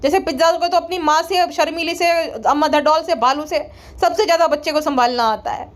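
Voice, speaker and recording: Woman, roast vlogger, mocking, scolding, very high voice. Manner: mocking, scolding, rapid-fire. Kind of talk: sarcastic roast commentary.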